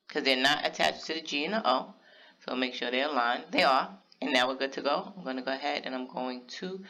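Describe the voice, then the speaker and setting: A man casually narrating a step-by-step craft software tutorial, talking straight to his viewers. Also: mid-range voice, muffled recording. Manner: casual step-by-step explaining, talks to viewers directly.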